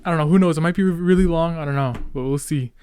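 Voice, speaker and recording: A young man from Canada, in his late teens or early adulthood, hosts a solo podcast and reminisces casually, rambling, interrupting himself and using youthful slang. He speaks quickly in a slightly high, slightly mellow voice with a clean tone.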